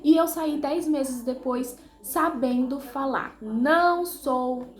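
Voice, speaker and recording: A woman's voice: sits high, takes it slowly, roomy sound. A Brazilian woman with a Brazilian Portuguese accent, chatting casually and self-deprecatingly to her viewers, often restarting her sentences. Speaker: vlogger. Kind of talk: casual chat to camera.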